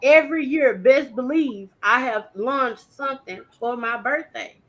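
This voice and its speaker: A woman in her thirties hosts a relaxed panel talk, lively and full of laughter. Her voice sits a little high and rings bright and forward, with casual slang running through her chat. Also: a little slow, low-quality recording. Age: 30s. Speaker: host.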